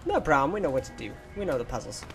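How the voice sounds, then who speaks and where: A young gaming YouTuber delivers casual let's play commentary over game music, racing along at a medium, slightly bright pitch with big swings. He's chatty and goofy, tossing out playful exclamations.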